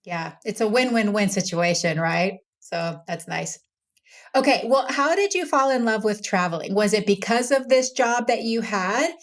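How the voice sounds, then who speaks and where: A woman's voice: medium pitch, lively intonation, normal speed. Female interview host, enthusiastic and supportive, casual conversation. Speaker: podcast host.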